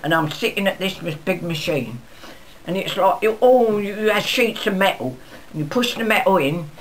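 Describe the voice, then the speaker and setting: This ninety-eight-year-old interviewee reminisces about her life during the war, chatting and rambling while acting out lines of dialogue. Her mid-range voice is expressive at a moderate pace, and the rough recording carries slight hiss or hum plus busy chatter behind her.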